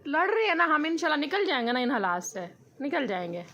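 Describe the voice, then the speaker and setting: A woman's voice: high voice, sing-song, brisk, sharp tone, slight background noise. A woman with a Pakistani Urdu accent chatting in a casual family vlog at home, filming on a handheld phone, soothing and teasing by turns. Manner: soothing, coaxing, then teasing and laughing. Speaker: vlogger. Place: home room. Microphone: handheld phone camera.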